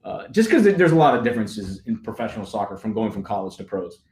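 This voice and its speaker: A man's voice: fairly low pitch, very animated, quick pace, a little mellow. A man, a stadium announcer, telling stories with enthusiasm and frequent laughs in a casual interview. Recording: roomy echo.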